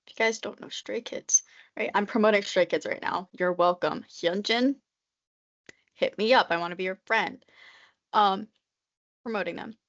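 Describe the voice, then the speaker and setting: A woman's voice: mid-range voice, dull audio. A woman in her twenties co-hosting a podcast, chatting casually and rambling with lots of "like" fillers. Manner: rambling, constantly says "like", nervous chatter. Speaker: podcast co-host. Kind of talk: casual chat.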